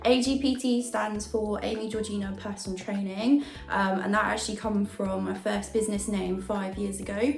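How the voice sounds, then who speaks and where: Young woman, sore-throated from tonsillitis, casual vlog chat, mid-pitched, roomy echo. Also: fairly even intonation, moderate pace. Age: young adult. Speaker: YouTube vlogger and fitness coach. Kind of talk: casual talk to camera, introduction and Q&A.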